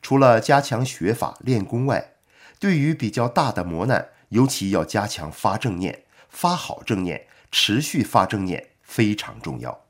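Calm man reading aloud, low and lively. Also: measured pace. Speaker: narrator reading an article. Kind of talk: scripted narration.

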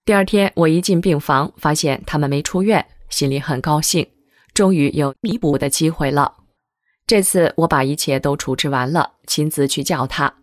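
Low-voiced woman reading steadily. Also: moderate pace, dry recording, studio quality. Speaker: article reader. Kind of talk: scripted reading of a testimonial article.

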